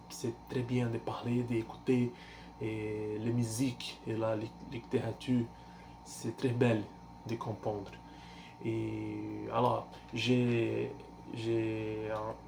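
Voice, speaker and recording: Against a noisy background, this vlogger's voice sits on the low side with vocal fry. He is a Brazilian in his twenties, a native Portuguese speaker giving a casual French self-introduction, and his accented speech is halting, full of fillers, restarts and pauses to find words.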